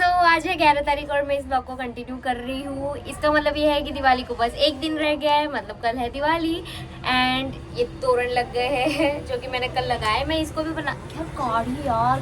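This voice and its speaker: A young woman chatting fast in a casual home vlog, talking into a handheld phone. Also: high-pitched, noisy background. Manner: chatty, mixes in English words. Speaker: vlogger. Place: at home, indoors and on a terrace.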